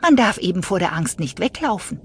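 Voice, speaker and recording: A woman reading a storybook, voicing a small timid young blue fish in a high, frightened voice. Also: very animated, a little fast, slight background noise. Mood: cheerful.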